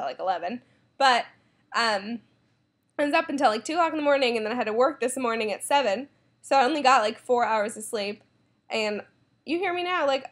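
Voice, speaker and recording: A young woman chatting casually to camera in a vlog, bubbly and rambling, full of "like" and "um". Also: on the high side. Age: young adult. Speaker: vlogger. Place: Florida.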